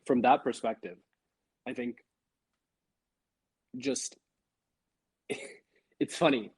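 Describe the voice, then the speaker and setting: A man from Sri Lanka, a guest developer on a casual livestream, talking with pauses and soft asides. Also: medium pitch, husky, no room sound. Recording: dry lo-fi stream audio.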